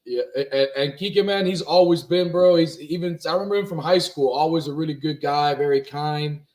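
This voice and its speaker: A man's voice: a little high, a little fast, darkish tone. A young man from Miami whose first language is Spanish, talking casually as a guest with lots of fillers and restarts. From Miami, Florida. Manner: laid-back, rambling, many fillers and restarts. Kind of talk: casual interview talk.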